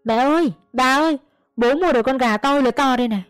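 Woman doing a shouting cheerful little girl. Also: sits high, brisk, clear, resonant tone, no echo, soft background music, pitched above the performer's own voice, lightly acted. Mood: excited shouting. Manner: calling out loudly and gleefully.

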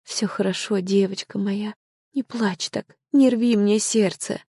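A woman voicing a gentle, tearful middle-aged mother in an audiobook, speaking in a soft, hushed, comforting way. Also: mid-range voice, normal speed, no room sound, clean studio sound, natural voice. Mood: soothing. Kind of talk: audiobook character voice.

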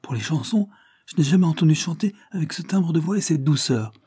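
Guy doing a shy sweet teen girl, soft and earnest, mellow husky tone. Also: on the high side, lively intonation, brisk, no room sound, voice pushed up. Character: shy, gentle teenage girl.

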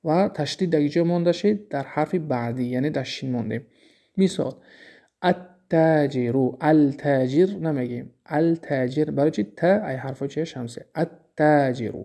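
A man with a Tajik accent teaches an Arabic grammar lesson. His voice is gravelly and a touch high, with a dark, mellow tone. He explains patiently, asking and answering his own questions.

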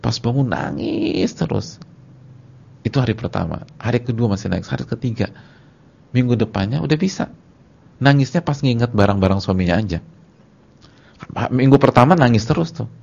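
A man giving a sermon to his congregation in casual slang, repeating words for emphasis and swinging between loud and soft. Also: mid-range voice, lively intonation, normal speed, gravelly, long pauses. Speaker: Islamic preacher. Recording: dull lo-fi lecture recording.

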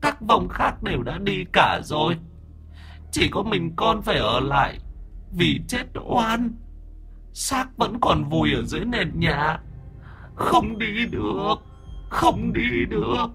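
A man's voice: high voice, big pitch swings, slow, a bit bright, breathy edge, soft background music, pitched above the performer's own voice, heavily acted. A male storyteller voicing the ghost of a young woman who died wronged, begging and sobbing in a voice half a woman's and half a man's. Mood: sobbing plea. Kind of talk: horror story narration.

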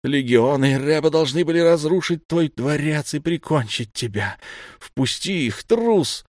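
A man voicing an old, bitter male sorcerer who shouts and hisses with hatred. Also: fairly high pitch, expressive, a little slow, no room sound, studio quality, voice pushed up. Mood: furious. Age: older.

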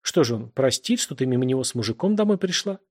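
A husky-voiced man reading a novel aloud, voicing a smug, evasive middle-aged man who answers curtly. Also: mid-range voice, very animated, fast talker, darkish tone.

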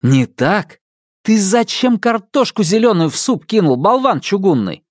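An indignant young inventor, as a male reader puts him on, pitched high and ranting. His voice swoops up and down with outrage. Dry, close recording. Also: big pitch swings, slow pace, darkish tone, no room sound.

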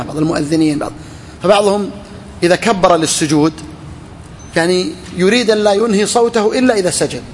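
In a faint hum of background noise, a man with a fairly high voice and a touch explains a legal text in a brisk, rapid delivery. He repeats key phrases, asks and answers his own questions, and stretches out words when demonstrating pronunciation. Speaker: sheikh teaching a fiqh text. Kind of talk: explaining a classical text to students.

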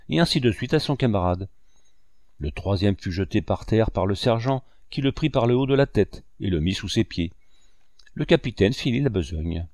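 A man narrating a first-person memoir in a steady, measured way. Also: fairly low pitch, no echo, studio quality. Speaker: audiobook reader.

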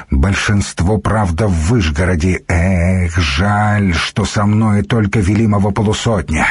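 A man narrating a historical novel in a steady, measured storytelling voice. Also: sits low, slightly rough, no echo, studio quality. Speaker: audiobook narrator. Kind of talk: scripted narration.

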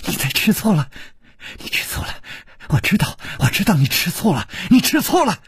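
A man's voice: on the high side, wildly swooping pitch, takes it slowly, full character voice. A man putting on a coy, teasing young woman. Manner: coy, purring, slips into breathy whispers. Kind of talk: audiobook character voice.

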